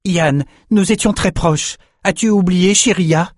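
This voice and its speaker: A man voicing a gentle young male swordsman, earnest and pleading, in a storybook reading. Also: sits high, measured pace, dry recording, studio quality, voice pushed up.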